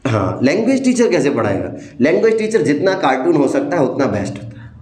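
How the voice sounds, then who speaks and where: A man teaches a demo lesson in a playful, step-by-step way. His voice sits fairly high. The room around him is echoey. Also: big pitch swings, fast talker, a little mellow. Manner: playful, explains step by step, addresses listeners as "beta".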